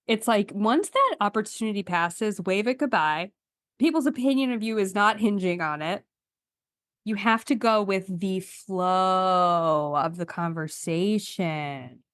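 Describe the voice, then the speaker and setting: A woman co-hosting a podcast in an easygoing chat, animated and full of laughter, slipping into teasing asides. Her voice sits at an everyday middle pitch. The sound is dry and close, with no room around it. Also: measured pace, no echo. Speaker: podcast co-host. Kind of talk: casual chat.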